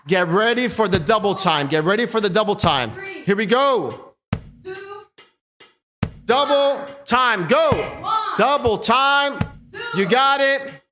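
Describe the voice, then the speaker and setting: A high-pitched man leads a workout as an energetic aerobics instructor. He calls out cues and encouragement over clearly audible music. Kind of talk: instructing a cardio kickboxing workout with counts and cues. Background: loud workout music.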